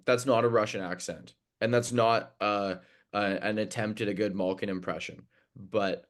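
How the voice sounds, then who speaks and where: Low-voiced man, joking hockey podcast host. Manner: animated, joking, rambling. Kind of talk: casual sports podcast chat.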